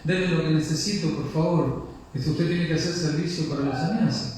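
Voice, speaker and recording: A man's voice: on the high side, fairly quick, background noise, close to an everyday voice. Man doing a demon king posing as a beggar. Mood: reproachful. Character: male demon king disguised as a pleading beggar monk. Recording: echoey hall, mic at a distance.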